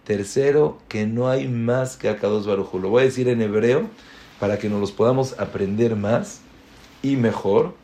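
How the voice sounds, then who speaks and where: A man's voice: fairly low pitch, moderate pace, dark tone, roomy sound. A man giving an emphatic religious class, mixing Hebrew terms into his speech and posing rhetorical questions. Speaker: rabbi giving a Torah class. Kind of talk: religious lecture.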